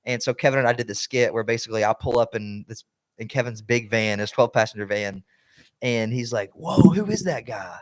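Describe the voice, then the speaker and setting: A man's voice: lowish voice, level tone, brisk. A young man co-hosting a podcast in casual chat, rambling with lots of fillers and restarts. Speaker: podcast co-host.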